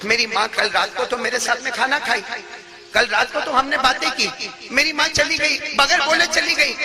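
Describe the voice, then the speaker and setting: A man's voice: very high voice, steady tone, pitched above the performer's own voice. A preacher acting out a grown man wailing over his dead mother, in pleading cries. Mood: stunned grief. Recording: background music.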